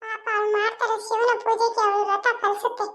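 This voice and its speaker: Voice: very high voice, little pitch movement, brisk, fairly bright tone. A performer voicing a restless, helpful ghost in a cartoon, eerie and singsong. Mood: soothing. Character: restless ghost seeking peace, gentle and helpful. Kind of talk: cartoon voice acting.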